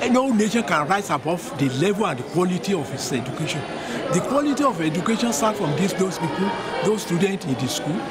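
Older man, sixties, high voice, earnest street-interview opinions, frequent restarts; outdoors with loud crowd noise behind. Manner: earnest, with many restarts and repeated phrases. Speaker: educationist interviewed in a vox pop. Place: outdoors by a school building. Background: loud crowd chatter.

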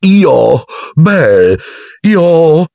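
A man's voice: high voice, huge pitch swings, measured pace, gravelly, no echo, studio quality, voice pushed up, exaggerated voice. A man voicing a vain, cowardly male wizard teacher who stammers and blusters. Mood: flustered.

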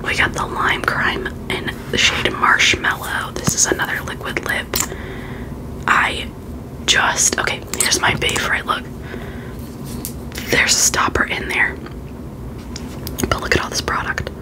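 A woman vlogger whispering in a soft, unvoiced ASMR style, chatting informally and giving frank opinions. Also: a little slow, low-quality recording. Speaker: beauty vlogger. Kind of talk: whispered ASMR, casual product chat.

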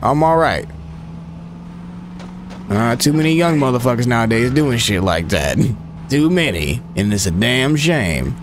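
Young man, gameplay commentary, nonstop swearing, swooping animated voice, faint background hum. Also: medium pitch, measured pace, pauses often. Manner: brash, trash-talking, swears constantly; shouts at game characters. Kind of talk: profane running commentary over gameplay.

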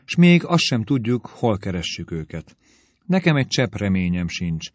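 A man's voice: lowish voice, big pitch swings, dry recording, clean studio sound. A male audiobook reader voicing a distressed young woman with an urgent, pleading delivery. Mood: anxious.

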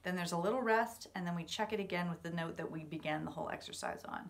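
A woman's voice: on the low side, fast talker, gravelly. A woman in her thirties giving a casual, encouraging music lesson at home, explaining a practice exercise step by step. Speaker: horn teacher. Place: medium-sized living room at home, indoors. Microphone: camera or laptop mic about a metre away.

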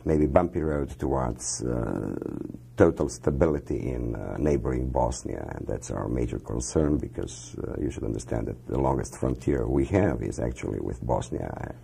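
A man in his fifties with a Croatian accent, answering questions as a guest in a television studio interview, speaking in a measured, halting way with many pauses and fillers. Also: very deep voice, expressive, gravelly, warm tone, breathy edge.

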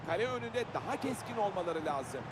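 A man playing a measured football co-commentator, giving tactical analysis in a video game. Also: high-pitched, sing-song. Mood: analytical. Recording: very loud noise over the voice.

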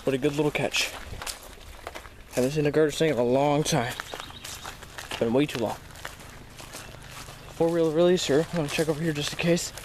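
A man with a slightly high voice talks off the cuff as host of an outdoor wildlife vlog. He is informal and exclamatory, swearing freely and addressing his viewers. The handheld camera picks up faint outdoor noise around him. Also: moderate pace, pauses often. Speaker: host of amateur snake-catching vlog. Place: outdoors by a creek in weedy woods. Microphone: handheld camera held by the speaker.

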